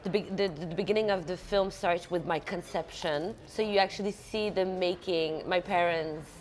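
A woman who grew up in Denmark, a painter chatting as an interview guest over lunch, lively with frequent laughs and restarts. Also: on the low side, moderate pace. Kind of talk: casual interview chat.

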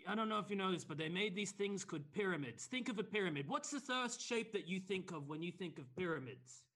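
This man's voice sits high and fairly bright, and he talks fast and expressively. He's portraying a smug, sleazy motivational speaker, greedy and full of himself, who rambles on with total earnestness.

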